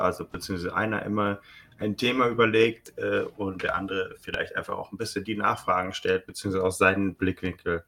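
Bright-voiced man in his thirties, rambling. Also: fairly low pitch, gravelly. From Germany. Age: 30s. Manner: rambling, restates himself often. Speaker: podcast co-host. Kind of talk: casual podcast chat.

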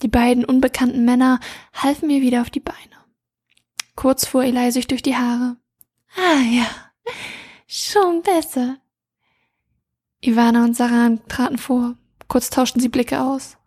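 A woman reading her own fantasy story aloud, narrating softly and often half-whispering. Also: a little high, flat delivery, normal speed, slightly rough. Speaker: reader and author.

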